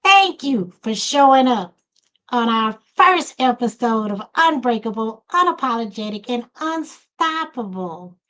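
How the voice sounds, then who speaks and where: A woman's voice: fairly high pitch, lively intonation, measured pace, a bit bright. A woman hosting a podcast interview in a loose, casual way, leaning on "you know" fillers, speaking over a video call. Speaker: podcast host.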